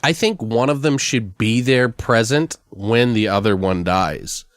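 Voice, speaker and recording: A podcast co-host casually improvises a comic story, rambling and profane as he brainstorms a made-up slasher tale. His medium-pitched voice moves at a measured pace in a dry, studio-quality recording.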